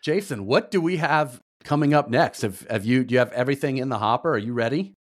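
A middle-aged man co-hosting a podcast in casual chat, with relaxed, easygoing banter. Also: mid-range voice, quick pace, dry recording, studio quality. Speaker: podcast co-host.

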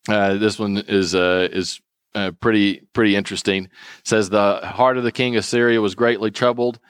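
A man's voice: fairly low pitch, steady tone, moderate pace, clear, resonant tone, dry recording, clean studio sound. A man casually retelling Bible stories as a lesson, hesitant, with many ums and restarts. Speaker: Bible study teacher.

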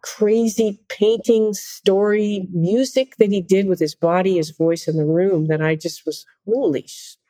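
A middle-aged woman, a conductor and interview guest, telling animated, self-deprecating stories in casual conversation. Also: medium pitch, unhurried, hardly any pauses, no room sound. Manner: animated, self-deprecating anecdotes with frequent laughter.

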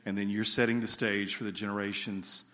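Man, sermon, earnest, bright tense tone, long hall reverb. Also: on the low side, flat delivery, brisk.

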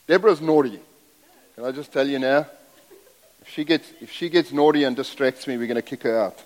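His mid-range voice moving fairly quickly, a middle-aged Zambian-born, South African-raised guest preacher rambles into asides during his sermon. He's folksy and pokes fun at himself. A long reverb fills the church sanctuary around him.

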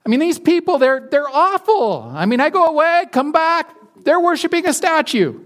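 A man's voice: extremely high pitch, sing-song, normal speed, a bit bright, voice pushed up, heavily acted. A man voicing an exasperated, complaining male prophet in whiny, incredulous outbursts during a sermon.

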